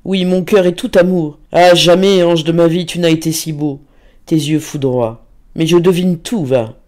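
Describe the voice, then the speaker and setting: A woman's voice: fairly low pitch, normal speed, darkish tone, natural voice. A man reading aloud and voicing a tender, desperate young woman pleading with her lover in a storybook. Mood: passionate. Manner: pleading, passionate.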